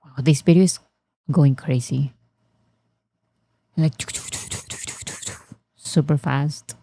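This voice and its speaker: Low-voiced woman reacting casually. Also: moderate pace, creaky, mellow, breathy edge, dry recording. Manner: chatty, thinks aloud, reads chat comments and answers them. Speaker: reaction channel host.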